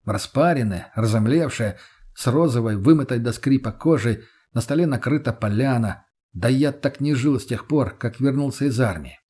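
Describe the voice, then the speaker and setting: A man narrating a first-person story audiobook in a measured, steady reading voice. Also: mid-range voice, breathy edge.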